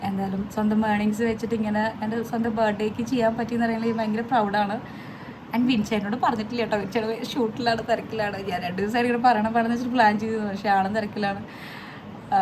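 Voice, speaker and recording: A woman's voice: mid-range voice, background noise. A woman in her thirties chatting casually to camera at home as a family vlogger, rambling along with many hesitant filler sounds. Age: 30s.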